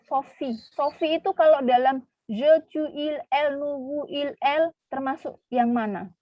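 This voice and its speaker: A patient woman teacher drills her students on pronunciation, repeating each word and asking questions as she goes. Her voice sits a little high. The sound is dry and dull, as from a basic online call. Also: normal speed, dry recording. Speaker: French teacher. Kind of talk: online class lesson.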